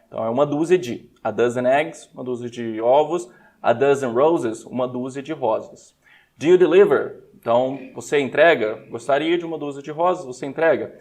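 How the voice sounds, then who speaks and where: A man's voice: medium pitch, moderate pace, darkish tone. A man with a Brazilian accent teaching an English exam prep class live, upbeat and coaxing, switching often between Portuguese and English. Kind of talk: live online class explanation.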